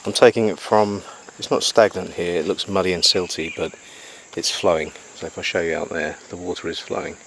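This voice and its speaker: Low-voiced man vlogging outdoors in the jungle. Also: fairly even intonation, fairly quick, hardly any pauses, a bit bright, poor audio. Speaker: survival diarist presenting to camera. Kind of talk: outdoor vlog, casual explaining to camera. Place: outdoors in jungle beside a river. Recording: faint insect noise, outdoor jungle ambience. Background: jungle ambience with crickets and insects.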